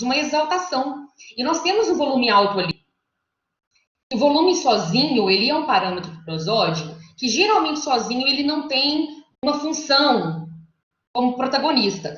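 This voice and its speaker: A woman delivers an academic lecture over a video call, explaining step by step and often checking in with her listeners. Her voice is fairly high and a bit bright. The online call audio sounds echoey and muffled.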